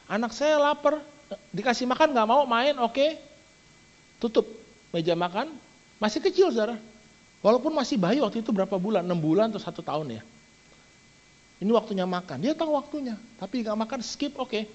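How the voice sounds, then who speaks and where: High-voiced preaching man, lo-fi. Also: brisk, pauses often. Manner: lively preaching, often adds "saudara". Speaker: pastor. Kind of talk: sermon. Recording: dull lo-fi church stream.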